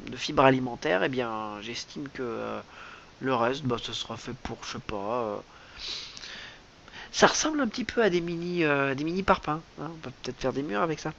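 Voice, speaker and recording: A man's voice: medium pitch, creaky, pushed and bright. A man rambling through a mock-serious improvised comedy monologue, stammering and repeating himself, recorded lo-fi with faint hiss. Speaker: comic vlogger.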